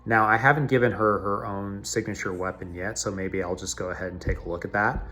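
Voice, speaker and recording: Low-voiced man in a big echoey room. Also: steady tone, brisk, sharp tone, soft background music. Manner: chatty, talks himself through menus. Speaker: mobile game video host. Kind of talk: casual gameplay commentary. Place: large cavernous room. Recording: echoey recording from a cavernous room.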